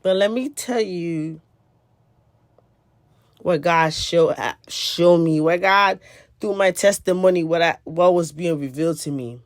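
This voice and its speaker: A woman's voice: fairly low pitch, measured pace, no room sound, clean studio sound. A woman telling a personal spiritual testimony in an earnest, conversational way, repeating phrases for emphasis. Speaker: spiritual video host.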